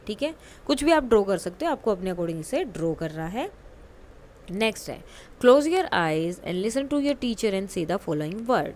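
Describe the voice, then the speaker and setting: A woman teaching a worksheet lesson to young children, reading lines slowly and clearly and explaining them quickly in Hindi. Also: fairly low pitch, a little mellow, slight background noise.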